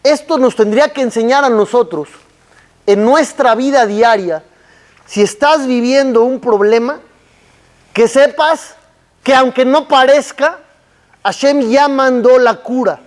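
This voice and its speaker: Male rabbi, sermon delivery, very high voice, unhurried emphatic questions. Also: big-room sound. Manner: slow, emphatic teaching with rhetorical questions.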